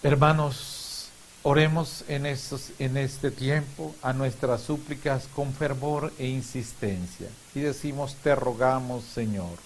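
Male priest, 50s, mid-range voice, measured and solemn homily and prayer delivery, hissy recording. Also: medium pitch, low-quality recording. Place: small indoor chapel room. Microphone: lapel mic. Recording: clear background hiss.

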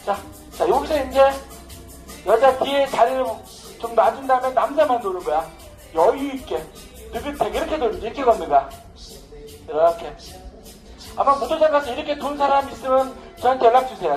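A man's voice: very high-pitched, poor audio. Joking man teaching social dance over music. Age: middle-aged. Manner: boastful, joking, casual banter. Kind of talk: dance lesson with live commentary.

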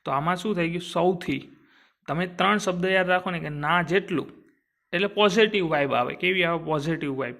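Teaching grammar to exam students, a young man speaks fairly quickly in a high, gravelly voice with a fairly bright tone. It's a classroom lecture in which he repeatedly asks brief questions and answers them on his own.

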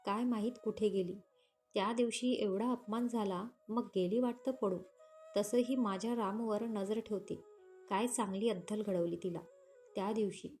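A woman voicing a haughty, jealous young female office employee who talks in sharp taunts. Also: mid-range voice, fairly even intonation, moderate pace, faint music behind, natural voice. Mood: taunting.

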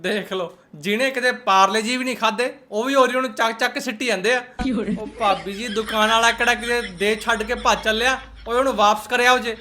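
A man's voice: very high-pitched, fairly even intonation, a little fast, noisy background. A man with a Punjabi accent giving mocking, sarcastic reaction commentary in colloquial speech. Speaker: host of a roast reaction channel.

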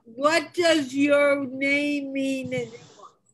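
An older woman hosting an English conversation class over a video call, speaking slowly and patiently like a teacher. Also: high voice, steady tone, low-quality recording. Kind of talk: online video call chat.

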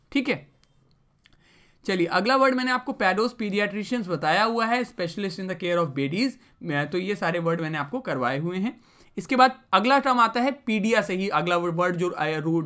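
A man's voice: high-pitched, bright, forceful tone. A male teacher giving a vocabulary lesson, mixing English terms into Hindi and asking the class questions he then answers himself. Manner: explains with repeated rhetorical questions.

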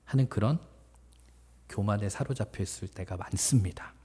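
A man's voice: on the low side, moderate pace, husky, in a large hall. A man preaching casually to teenagers as their youth pastor, telling the story vividly and putting questions to his listeners. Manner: casual, animated storytelling that acts out the characters; addresses listeners directly with questions. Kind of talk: sermon to teenagers. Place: small church worship room.

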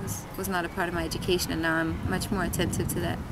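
Seated outside at a street table beside a tiled wall, a woman from Denmark in her thirties gives reflective interview answers. She speaks in a lowish, level voice, thoughtful and full of pauses, fillers and restarts, while heavy traffic roars in the background.

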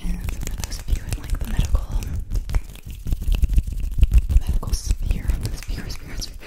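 A woman's voice: unhurried, rough recording. A young woman whispering ASMR very close to the microphone, repeating words and phrases in a rhythmic way. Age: young adult. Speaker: ASMR creator. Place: small room at home, indoors. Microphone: desktop condenser microphone very close, often cupped by hands.

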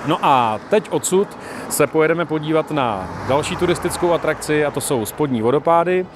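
A man's voice: fairly high pitch, animated, background noise. A man in his thirties, a travel vlogger chatting casually and joking as he walks through a mountain park, filming himself on a phone at arm's length. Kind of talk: casual travel vlog with narration. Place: outdoors in a mountain park, walking. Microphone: phone held at arm's length.

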